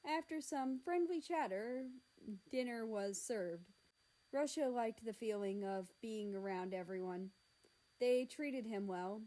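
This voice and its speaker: A woman's voice: a little high, takes it slowly, mellow, poor audio. Young woman reading fan fiction aloud. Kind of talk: casual read-aloud storytelling.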